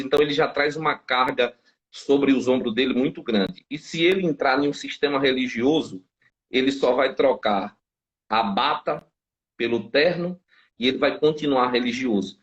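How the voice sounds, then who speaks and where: A man's voice: mid-range voice, normal speed, highs cut off. A man in his thirties, a pastor, telling stories in a casual live-stream chat and acting out the people he quotes. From Brazil. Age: 30s. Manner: storytelling, acts out quoted dialogue.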